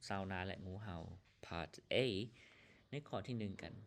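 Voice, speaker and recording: A male teacher works through an English lesson. His voice sits fairly low and he speaks very slowly, repeating each English phrase before translating it. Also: fairly bright tone. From Laos. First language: Lao.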